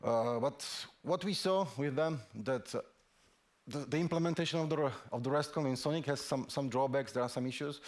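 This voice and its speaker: A man at mid male pitch, Slovak by first language, talks through a technical topic in English on a conference stage. His delivery is hesitant, with frequent restarts, repeated words and filled pauses.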